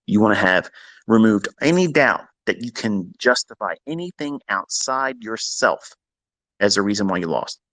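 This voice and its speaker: Low-voiced male mentor, blunt and chiding, dry close sound, speaking over an online audio call. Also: lively intonation, a bit bright, no room sound. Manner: blunt, scolding, slows down for emphasis. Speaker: trading mentor hosting a live audio room. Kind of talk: lecturing monologue. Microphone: remote audio call.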